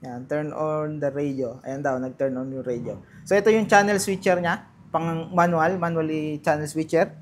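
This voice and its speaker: A man with a Filipino accent doing a casual hands-on unboxing, halting a little as he thinks aloud. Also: a little high, steady tone, a little hiss or hum. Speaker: gadget vlogger.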